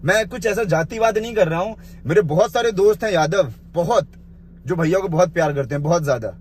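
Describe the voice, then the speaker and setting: A man's voice: high voice, brisk, a little hiss or hum. A man delivering a confrontational point-by-point rant to camera, bluntly scolding someone he addresses directly. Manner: scolding, addresses the listener with the blunt informal 'you'; point-by-point rebuttal. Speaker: vlogger responding to a rival's live video.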